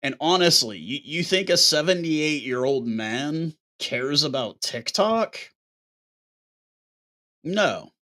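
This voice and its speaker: A man's voice: a little high, lively intonation, slow pace, bright, forceful tone. A man hosting his own show, talking bluntly in a casual, ranting monologue with occasional swearing. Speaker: show host.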